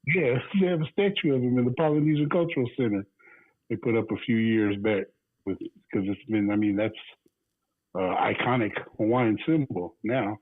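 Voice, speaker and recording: A Midwestern American man chats easily as a guest in a mid-range voice at a moderate pace. He laughs softly and uses fillers throughout, captured on a dry, tinny phone line.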